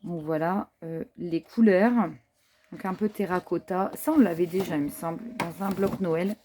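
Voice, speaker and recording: A craft haul vlogger from France, speaking at a moderate pace in a fairly low voice, shows craft papers to viewers in an informal chat. There are many fillers and admiring asides, and background noise is audible.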